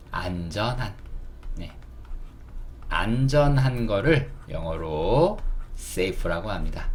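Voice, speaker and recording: A man teaching beginners English words, patiently asking questions and answering them himself. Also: lowish voice. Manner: spells words slowly letter by letter.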